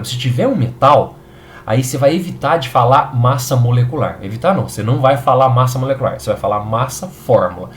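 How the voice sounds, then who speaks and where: A man's voice: medium pitch, slight background noise. A man with a Brazilian Portuguese accent teaching a chemistry video lesson, upbeat and reassuring, often checking in with his students.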